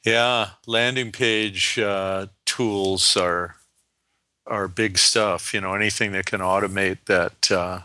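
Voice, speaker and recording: A man's voice: low voice, steady tone, takes it slowly, sharp tone. A man co-hosting a casual tech podcast, talking. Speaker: podcast co-host.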